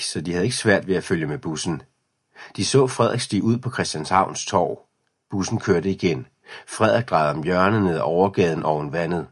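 Low, husky male audiobook narrator. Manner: even storytelling.

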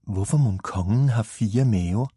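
Brief: man reading as a smug storybook girl, lightly raised and husky. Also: on the low side, dark tone, no echo, studio quality. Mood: proud. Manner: proud, explaining. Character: know-it-all little girl, proud and confident.

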